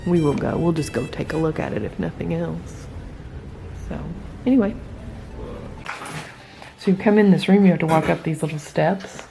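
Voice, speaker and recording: A woman's voice: deep voice, fairly even intonation, normal speed, creaky, pauses often, over music. A woman travel vlogger chatting casually while driving and giving a hotel room tour on a handheld camera. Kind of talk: casual travel vlog chat.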